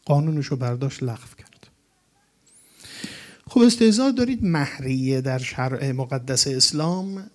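A man with a somewhat high voice gives a religious lecture to a gathering. He speaks emphatically and often rises into animated peaks. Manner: emphatic, rising to animated peaks with Arabic quotations. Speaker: preacher.

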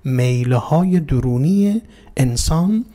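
A man's voice: mid-range voice, expressive, warm tone. A man giving an explanatory religious talk. He poses rhetorical questions, answers them himself, and addresses his listeners politely. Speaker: religious lecturer.

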